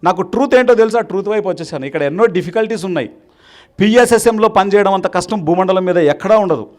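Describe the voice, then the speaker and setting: A man with a high-pitched voice delivers a rousing motivational speech to a room of students. He exhorts his listeners and keeps urging the crowd to clap. English words slip into his speech as he goes. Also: lively intonation, quick pace. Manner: exhorting, rallies the crowd to applaud. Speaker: meditation teacher addressing students. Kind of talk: motivational speech to a live audience.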